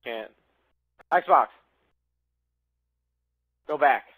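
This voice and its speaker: A man casually chatting while he barks loud voice commands at a game console and laughs often. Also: medium pitch, lively intonation, very slow, slightly rough, no echo, phone-quality sound. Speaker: gamer trying voice control. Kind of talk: casual gaming chat.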